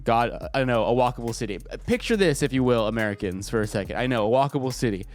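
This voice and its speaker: A man with a mid-range voice and lively intonation talks fast on a live stream, sounding slightly congested and stuffy. He chats casually and jokes around, swearing a lot. A desk microphone picks him up over faint background music.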